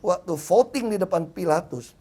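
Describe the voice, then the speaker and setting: A man's voice: high voice, expressive, normal speed, warm tone. A middle-aged man talking as a guest in a casual conversation, blunt and emphatic, slipping into street slang and acting out what other people said. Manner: acts out others' words in quoted voices.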